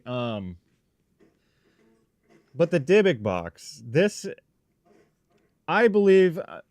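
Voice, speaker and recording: A man with a mid-pitched voice chats casually as he hosts a livestream. He rambles informally, thinking out loud and breaking his sentences into short pieces. The sound is dry, with very little room in it. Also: no room sound. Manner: informal, rambling, thinking aloud in broken phrases. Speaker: livestream host, paranormal investigator. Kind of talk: casual live-stream chat with viewers. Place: shop.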